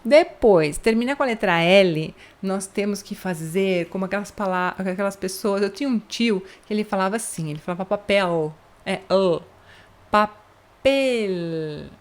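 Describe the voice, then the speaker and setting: A Brazilian woman with a São Paulo accent teaching Spanish pronunciation in a chatty online lesson, drawing sounds out in an exaggerated way and checking in often. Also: mid-range voice. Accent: São Paulo Brazilian Portuguese. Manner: exaggerated, drawn-out demonstration of sounds; chatty, checks in with frequent asides.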